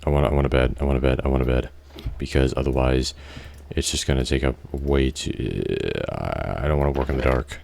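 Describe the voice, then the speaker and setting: A man's voice: a bass voice, brisk, creaky, hardly any pauses, darkish tone. A man casually talking through his gameplay, thinking aloud with lots of restarts, fillers and the odd swear word. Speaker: gameplay video creator.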